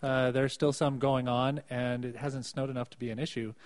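A man's voice: medium pitch, normal speed. A man co-hosting a casual podcast, bantering and joking as he recalls the year's news. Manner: joking, animated banter with laughs. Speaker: podcast co-host.

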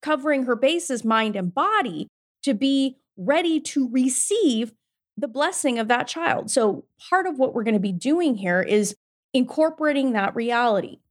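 Speaking expressively and a little slowly in a high-sitting voice, a middle-aged mindset coach hosts her podcast. Her pep talk is emphatic and informal, peppered with curse words and terms of endearment.

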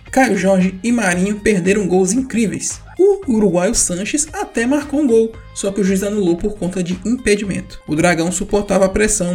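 A man's voice: sits high, creaky, a little mellow. A man with a Brazilian accent hosting a football round-up in informal scripted narration, emphatic and colloquial, with playful slang.

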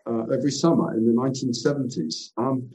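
A man's voice: mid-range voice, fast, dark tone, rough recording. A man hosting an interview podcast, speaking a little hesitantly and repeating his phrases. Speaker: podcast host.

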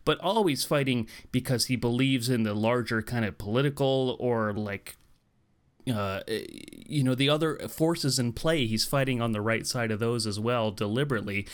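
Animated man chatting about an action movie. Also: mid-range voice, moderate pace, clean tone. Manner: animated, amused retelling. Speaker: podcast co-host. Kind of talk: casual movie discussion.

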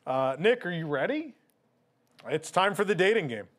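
A man's voice: high voice, very animated, moderate pace. A man hosting a live show with casual, joking stage banter and storytelling. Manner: joking, chatty. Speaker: show host.

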